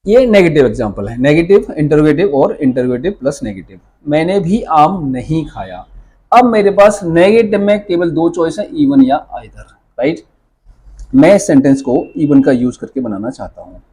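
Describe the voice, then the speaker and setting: Husky Hindi-speaking man teaching English. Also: on the high side, animated, normal speed, warm tone. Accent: Indian. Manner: explains step by step with frequent rhetorical questions and "right?". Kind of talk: spoken English lesson.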